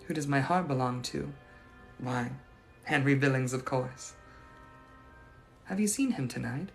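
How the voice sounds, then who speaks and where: Soft music plays behind a man's mid-range, creaky voice as he takes his time voicing a young lady's ghost from the 1880s. It's improvised live roleplay in response to viewers, delivered in a gracious, formal, old-fashioned way.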